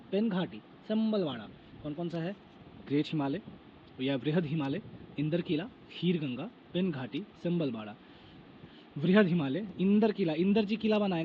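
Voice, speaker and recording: A man teaching an exam prep lecture, repeating lists again and again and answering his own questions. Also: a little high. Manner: repeats lists over and over, asks and answers himself. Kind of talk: lecture with repetition drills. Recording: dull lo-fi with faint noise.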